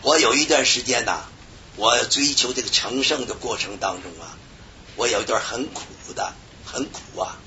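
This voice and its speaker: A man preaching a sermon, telling a personal story with sudden shouted bursts. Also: normal speed. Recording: dull lo-fi recording with faint rumble.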